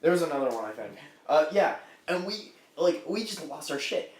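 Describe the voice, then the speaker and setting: A young man talks animatedly in a slightly high, lively voice. He swears freely and slips into silly, high-pitched impressions, and a noticeable room echo hangs on every word. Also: normal speed. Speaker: podcast co-host. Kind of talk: casual comedic movie review chat. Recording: echoey room.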